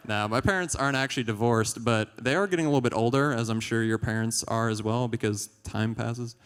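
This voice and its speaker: A young man performing a stand-up comedy set on stage, deadpan and chuckling at his own jokes. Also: mid-range voice, fairly quick, clean tone. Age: young adult. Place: stage in a large hall. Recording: live hall with long reverb.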